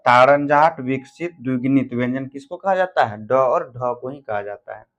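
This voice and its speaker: A man's voice: mid-range voice, moderate pace. Man teaching grammar, asking and answering himself. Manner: asks questions and answers them himself; repeats and counts things out. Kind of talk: exam-prep grammar lesson.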